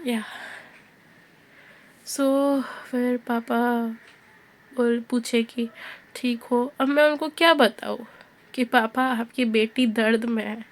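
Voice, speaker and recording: A young woman with an Indian accent telling a personal story in a slow, soft-spoken way, mixing Hindi and English. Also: fairly high pitch, steady tone.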